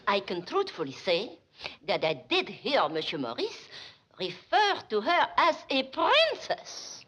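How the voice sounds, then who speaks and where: A woman's voice: on the high side, wildly swooping pitch, measured pace, a bit bright, some chatter behind, exaggerated voice. A woman playing a polite, playful salon assistant in a 1960s TV sitcom. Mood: polite, discreet. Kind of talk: 1960s television sitcom acting.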